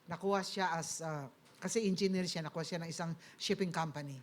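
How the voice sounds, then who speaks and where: A middle-aged woman with a Filipino accent, from the Philippines, speaks a little fast in a fairly low voice. She gives a personal testimony sermon, respectfully addressing her audience and mixing in English.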